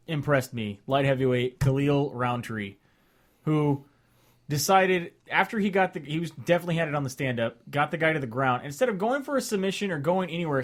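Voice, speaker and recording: A man's voice: on the high side, fairly bright tone. A man co-hosting a podcast, chatting casually and retelling fights with animation. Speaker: podcast co-host. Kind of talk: casual chat about fights.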